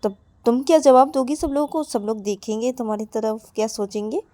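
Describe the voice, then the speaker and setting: A woman's voice: fairly high pitch, fairly quick, mellow, no echo, close to an everyday voice. A woman storyteller voicing a young woman who teases and scolds her partner, in a close, dry recording. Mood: teasing. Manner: teasing, scolding, then coaxing. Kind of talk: storyteller acting out dialogue.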